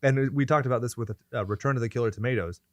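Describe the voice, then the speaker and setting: A man's voice: mid-range voice, quick pace, no room sound. A man hosting a podcast in casual chat, riffing in crude joking rants full of swearing. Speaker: podcast host.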